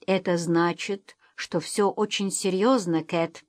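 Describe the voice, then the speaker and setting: A woman's voice: takes it slowly, no room sound, clean studio sound. A woman voicing a worried husband who speaks steadily, trying to reassure his wife. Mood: urging. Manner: steady, low-key, urging. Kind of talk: audiobook character voicing.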